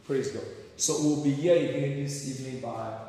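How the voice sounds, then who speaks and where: A man's voice: medium pitch, normal speed, mellow. A man, a pastor, leading morning prayer from a pulpit microphone, urging the congregation with repeated phrases and questions. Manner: repetitive, exhorting, asks the congregation questions. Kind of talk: exhortation and prayer. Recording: echoey hall, distant mic, faint ambience.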